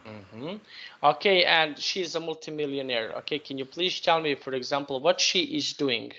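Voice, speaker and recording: A man's voice: on the high side, moderate pace, sharp tone, highs cut off. A man teaching English online, patiently prompting his student and correcting her sentences.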